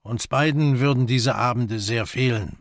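A man playing a gruff old major. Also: mid-range voice, normal speed, no echo, clean studio sound, natural voice. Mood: terse. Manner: terse, gruff. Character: older retired army major, gruff and terse.

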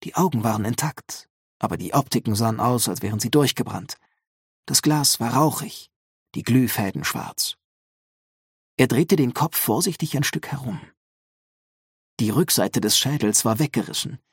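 A man reading a science fiction audiobook with calm, measured narration. His voice is a touch husky and mid-pitched, recorded close and dry with no room sound. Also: dry recording. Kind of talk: scripted narration.

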